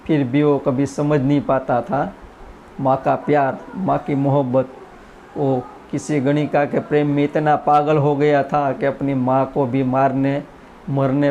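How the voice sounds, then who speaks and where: A man from India telling a moral story in a slow, earnest, preachy way, addressing his channel's viewers. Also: on the high side, mellow, lo-fi sound, slight background noise. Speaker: YouTube channel creator. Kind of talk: spoken story and message, then singing.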